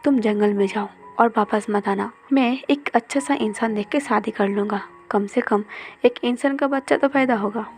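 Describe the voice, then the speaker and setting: A woman voicing a quick-tempered young man who scolds and quarrels, telling the story in Hindi. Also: fairly high pitch, a little mellow, faint music behind, close to an everyday voice. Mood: angry.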